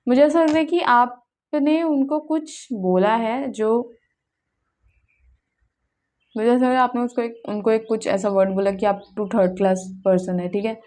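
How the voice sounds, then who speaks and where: She speaks with a fairly high, darkish voice at a measured pace, pausing often. The young woman is doing a casual tarot reading for viewers, chatting, mixing in English and repeatedly checking with "okay?"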